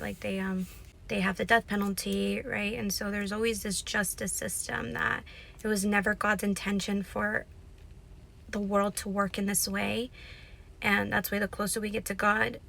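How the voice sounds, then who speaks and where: A young woman records a casual vlog on her phone, chatty and a little preachy as she talks about faith. Her voice stays fairly even and flat in pitch. She keeps checking in with "right?" and leans on "like.". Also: creaky, low-quality recording. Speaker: vlogger. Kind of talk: casual vlog chat and Bible retelling.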